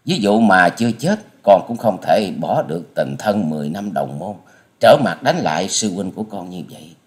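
Man doing a weary mother of a martial sect, sighing, pleading, stern, lively pitch, storybook. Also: normal speed. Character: middle-aged female sect master, sorrowful mother.

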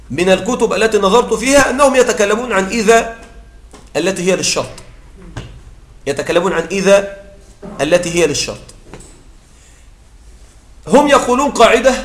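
A man's voice: high voice, a bit bright, roomy sound. A man teaching Arabic grammar, explaining patiently, often checking that listeners follow and restarting words mid-phrase. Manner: halting restarts mid-word.

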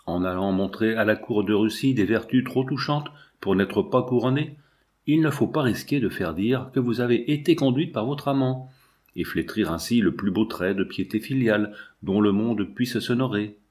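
A cautious governor speaks through a formal, solemn letter in a classic novel, read by a man in his own lowish voice. Each phrase is weighed and dignified. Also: normal speed, darkish tone, close to an everyday voice. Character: stern, cautious male governor writing a letter.

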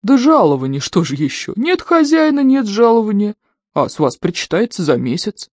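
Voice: mid-range voice, expressive, fairly quick, mellow, no room sound, close to an everyday voice. An audiobook reader voicing a sardonic, loyal male servant who banters with dry mockery. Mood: mocking. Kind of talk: audiobook character voice.

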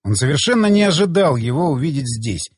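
A man narrating an audiobook with expressive storytelling. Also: on the high side, fairly quick, slightly rough, dry recording, studio quality, big-room sound. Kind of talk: scripted narration.

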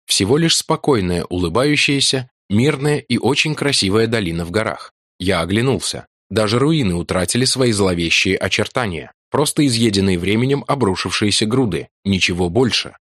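A man reading an adventure audiobook in measured, even scripted narration. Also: on the low side, no echo, clean studio sound.

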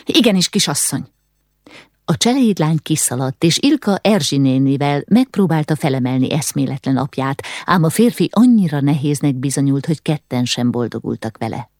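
A woman reading a novel aloud in measured, steady audiobook narration. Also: low voice, no echo, clean studio sound.

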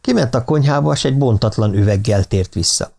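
Guy reading an audiobook, medium voice, steady even delivery. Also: mid-range voice, vocal fry. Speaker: audiobook reader. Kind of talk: audiobook narration.

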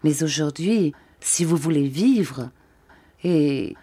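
A woman's voice: sits low, expressive, takes it slowly, warm tone, husky, full character voice. A woman reading the part of an earnest young man urging the woman he loves, in an audiobook.

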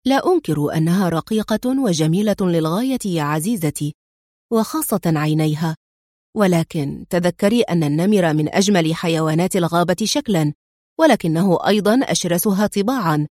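A composed, quietly mocking male agent from an audiobook thriller, put on by a woman reader. He speaks steadily and drily, in a voice pitched down below the reader's own. The sound is close and dry, with no room around it. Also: brisk, no room sound. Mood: wry. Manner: calm, dry and mildly mocking. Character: calm, sardonic male secret agent.

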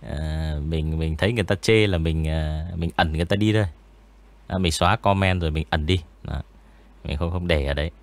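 Deep-voiced man, rambling. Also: fairly quick. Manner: relaxed, rambling, many fillers. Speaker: ghost story narrator. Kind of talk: casual interview chat.

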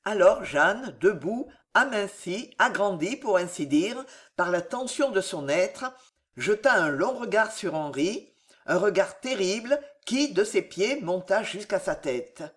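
Slow, high-voiced male narrator. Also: expressive, fairly bright tone. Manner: slow, dramatic reading. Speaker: audiobook narrator. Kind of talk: literary audiobook reading.

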